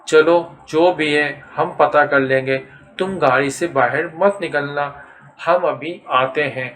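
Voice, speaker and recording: A man's voice: on the high side, a bit bright, lightly acted. A man reading a reassuring young man.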